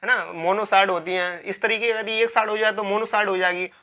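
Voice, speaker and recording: A woman's voice: mid-range voice, steady tone, a little fast, bright, forceful tone. A woman teaching a vocabulary lecture, repeating key words, asking herself questions and spelling words out letter by letter.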